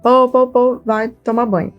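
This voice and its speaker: Animated Brazilian woman telling stories. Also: on the high side, unhurried, lo-fi sound, soft background music. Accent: Brazilian Portuguese. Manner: animated storytelling, acts out dialogue. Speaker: podcast co-host, mother. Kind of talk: casual chat.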